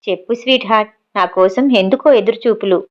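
A woman's voice: mid-range voice, a little fast, lo-fi sound, lightly acted. A woman voicing a playful, secretive young man on the phone in her own voice.

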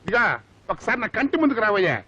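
A man's voice: high-pitched, animated, quick pace, no room sound, full character voice. An actor playing a hot-headed middle-aged father in a comic film, blustering and indignant. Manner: blustering, indignant, loud outbursts. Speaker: father searching for his son. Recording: slightly muffled film audio with faint music.

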